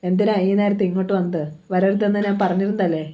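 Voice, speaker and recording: A woman's voice: mid-range voice, level tone, fast, highs cut off, natural voice. A woman reading the lines of a lonely young wife who talks in a hesitant, pleading way.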